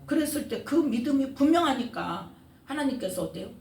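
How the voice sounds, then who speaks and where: Animated woman pastor preaching in an echoey church. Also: high voice, brisk, vocal fry. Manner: animated preaching with call-and-response questions. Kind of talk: sermon. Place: church sanctuary. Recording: roomy echo, distant mic, faint room noise.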